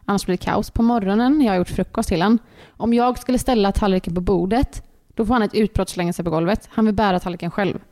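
Blunt woman, mellow voice. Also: mid-range voice, hardly any pauses. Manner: blunt, swears casually. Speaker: podcast co-host. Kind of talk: casual chat.

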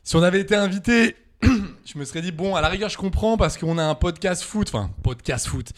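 A man's voice: high-pitched, expressive, a little fast. A man hosting a podcast in casual chat, joking and ranting in slangy talk. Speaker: podcast host.

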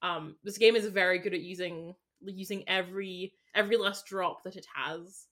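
A woman's voice: on the low side, fairly even intonation, moderate pace, a bit bright. A woman guest on a podcast who chats about games in an upbeat, talkative way. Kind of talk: casual chat.

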